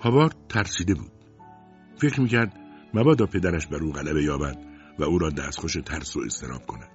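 A man narrating an audiobook in a measured storytelling manner. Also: very deep voice, expressive, highs cut off, faint music behind.

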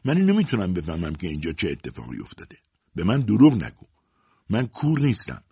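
A man's voice: medium pitch, sing-song, slightly rough, dry recording, muffled recording, voice pushed up. A man voicing a scheming mother who pries and mocks her grown children, in a storybook reading. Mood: mocking. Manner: taunting, prying, sharp. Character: scheming, mocking mother, middle-aged woman.

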